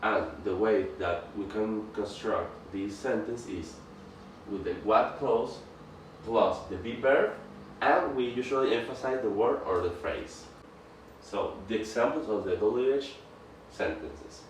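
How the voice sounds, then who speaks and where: A man presenting a grammar lesson, speaking haltingly, restarting phrases and reading example sentences aloud. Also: lowish voice, recorded from a distance. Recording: echoey room, off-mic, faint background noise.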